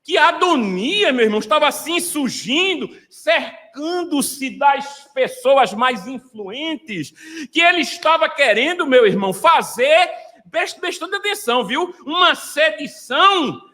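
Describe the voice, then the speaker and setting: A man's voice: very high voice, expressive, measured pace, pushed and bright, big-room sound. A man, preaching a fervent sermon as pastor and calling out to the congregation.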